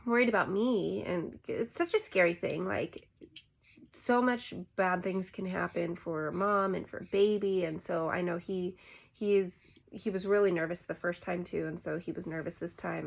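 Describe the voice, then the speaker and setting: Chatty young woman with a gravelly edge. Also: fairly low pitch. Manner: chatty, heavy use of "like" fillers. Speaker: vlogger. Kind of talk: casual personal storytelling.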